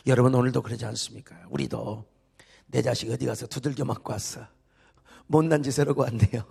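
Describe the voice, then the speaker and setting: A male pastor preaching a sermon in a church, emphatic, swinging from quiet conversational talk to loud shouts. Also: medium pitch, steady tone, a little fast, creaky, slightly rough. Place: church sanctuary.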